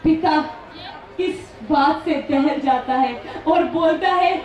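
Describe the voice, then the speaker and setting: A woman's voice: high voice, slow pace, lo-fi sound. A girl delivers an emotional, dramatic story speech at a public Republic Day event, over an echoey public address from far off. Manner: dramatic, tearful recitation.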